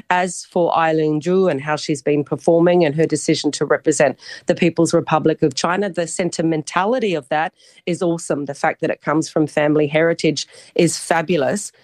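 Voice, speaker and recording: A woman's voice: deep voice, a little mellow, dry recording. A woman with a broad New Zealand accent giving a chatty, articulate and emphatic sports report as a commentator on a live radio cross.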